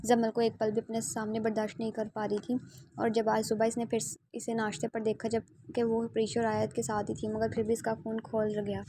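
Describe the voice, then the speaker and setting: A woman reading a romance novel aloud as narrator, in a steady, low-key storytelling manner. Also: brisk, breathy edge.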